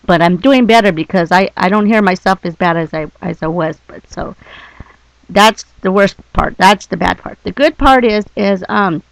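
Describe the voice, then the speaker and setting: A woman talks straight to camera in a relaxed vlog, blunt and animated as she tells her story. Her voice has a gravelly edge and a slight lisp. The sound is dry and close, with little room echo. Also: medium pitch, normal speed. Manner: lisping from a mouth injury. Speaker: vlogger. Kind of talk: casual personal storytelling.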